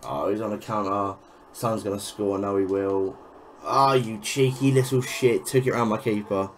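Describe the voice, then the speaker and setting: A man's voice: lowish voice, fairly even intonation, moderate pace, a little hiss or hum. A young man giving casual, frustrated gameplay commentary, swearing and exclaiming over each goal. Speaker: gaming YouTuber.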